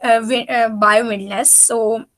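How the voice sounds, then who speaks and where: A woman's voice: fairly high pitch, fairly even intonation, slow pace, a bit bright. A woman tutoring in an informal reading lesson, explaining a story hesitantly and repetitively in simple words. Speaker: mother tutoring her child in English reading.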